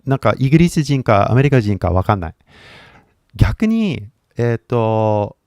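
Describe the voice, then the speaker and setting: A man's voice: medium pitch, big pitch swings, measured pace, a little mellow, clean tone, no room sound, studio quality. A man who is a native English speaker, chatting casually on a livestream as an English teacher, rambling and switching between Japanese and English with frequent laughter.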